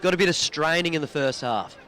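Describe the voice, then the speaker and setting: A man with an Australian accent doing relaxed, chatty commentary of a local football match from a box above the ground. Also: fairly high pitch, fast. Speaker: sports commentator. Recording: crowd noise behind the voice.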